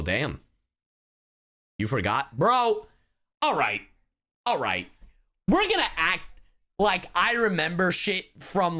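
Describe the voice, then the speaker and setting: A streamer with a medium-pitched, fairly bright voice reacts to game voice lines in casual live commentary. The delivery is exasperated and slangy, with heavy profanity.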